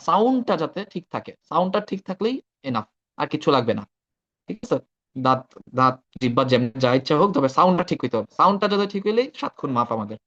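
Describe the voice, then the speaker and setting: Man, online class teacher, patient, keeps checking understanding; a bit high, dull lo-fi call audio. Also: fairly bright tone. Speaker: Arabic pronunciation teacher. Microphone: video call.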